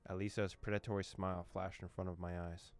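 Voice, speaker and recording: A low voice with little pitch movement comes at a quick pace as a young gaming YouTuber translates and reads a visual novel aloud. He's playful, jokes often and laughs a lot.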